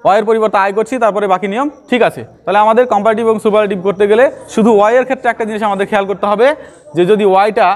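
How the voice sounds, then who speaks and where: A man's voice: high voice, fairly even intonation, very fast. A man teaching English grammar in a classroom style, explaining step by step and repeating key terms.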